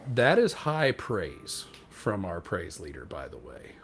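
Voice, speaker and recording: A man's voice: lowish voice, wildly swooping pitch, takes it slowly, a crowd in the background. A man on a podcast telling a rambling, self-deprecating story in casual chat, acting out what other people said. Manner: acts out quoted dialogue. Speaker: podcast co-host.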